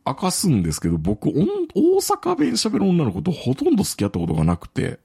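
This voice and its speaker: A man's voice: fast talker, vocal fry, breathy edge. A man, telling a story in casual chat as podcast co-host, laughing often. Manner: animated storytelling, swoops up in pitch, laughs often.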